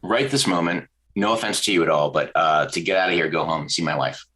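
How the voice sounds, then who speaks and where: A man's voice: deep voice, a little fast, low-quality recording. A man being interviewed as a creative director, telling stories in a casual chat and acting out the voices of people he quotes. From American South. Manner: animated storyteller, acts out quoted voices. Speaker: podcast guest, creative director.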